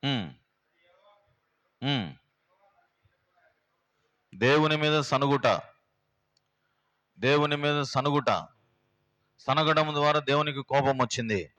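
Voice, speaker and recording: Male pastor, middle pitch, homely preaching full of rhetorical questions. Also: slow pace, long pauses, fairly bright tone. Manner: plain, homely, fires rhetorical questions at the congregation. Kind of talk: sermon teaching. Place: prayer house.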